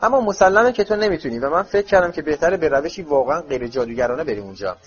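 A man's voice: fairly high pitch, animated, dull audio, lightly acted. A man voicing a kind, encouraging middle-aged wizard father in a storybook reading. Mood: explaining.

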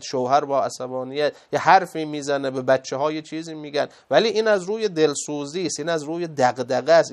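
A man giving a moral lecture as a religious speaker, emphatic and full of rhetorical questions. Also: fairly high pitch.

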